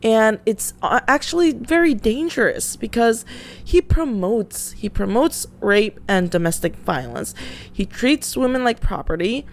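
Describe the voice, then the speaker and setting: A woman's voice: a little high, expressive, unhurried. A young woman hosting a podcast, ranting in a casual, exasperated way, swearing and restarting her sentences. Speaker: podcast host.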